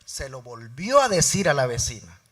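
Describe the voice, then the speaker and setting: In a church sermon, a very animated middle-aged lay preacher speaks at normal speed while telling a story from his own life. He acts out both sides of the exchange, alternating between booming emphasis and soft, low asides.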